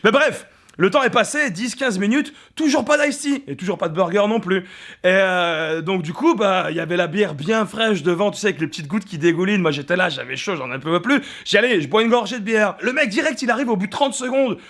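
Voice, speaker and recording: A young man from France telling casual vlog stories in a hotel room, animated and swearing freely as he acts out the people he quotes. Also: sits high, brisk. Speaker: gaming vlogger.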